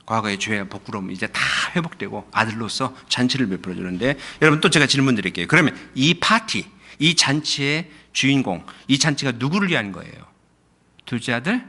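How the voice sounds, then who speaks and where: A middle-aged man preaching a Sunday sermon as pastor, putting questions to the congregation and repeating phrases, moving between soft low lines and sudden high, loud stresses. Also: animated, a little fast.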